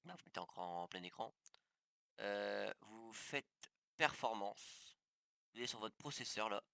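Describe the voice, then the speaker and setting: A man in a casual screen-recorded tutorial, pausing and restarting as he clicks through menus. His voice sits low but sounds bright and forceful. The recording is dry and close, with no room sound. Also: animated, gravelly, no echo. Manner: hesitant, many fillers and restarts; talks viewers through steps on screen. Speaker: gaming tutorial youtuber.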